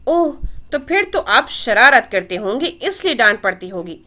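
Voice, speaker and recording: Sweet chatty toddler girl, read by a woman, high and lively, innocent questions. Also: measured pace, full character voice. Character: innocent chatty three-year-old girl.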